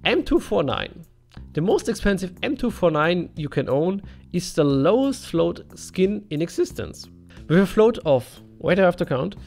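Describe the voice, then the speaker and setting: A man's voice: on the high side, creaky, darkish tone. A man from Germany with a German accent, giving an informal voice-over commentary as a video creator. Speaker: video creator narrating a game item list. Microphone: voice-over over game footage.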